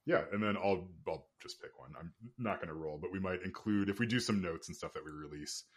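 Man, low voice, casual podcast game master, thinking out loud. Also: a little fast, husky.

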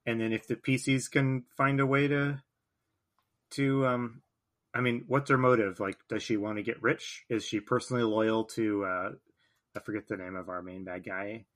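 A man's voice: lowish voice, fairly even intonation, moderate pace, fairly bright tone. A male podcast co-host in casual discussion, tentative and thoughtful as he works through ideas.

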